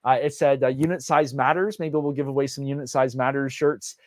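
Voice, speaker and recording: A man's voice: medium pitch, fairly even intonation, a little fast, no room sound, clean studio sound. A man hosting a casual live question-and-answer session as a conference organizer, talking loosely with many fillers and restarts.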